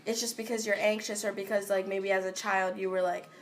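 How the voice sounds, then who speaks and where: A young woman co-hosts a podcast, teasing and swearing freely in relaxed chat. She talks at a middle pitch. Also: a little fast. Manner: blunt, profane, teasing. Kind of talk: casual chat.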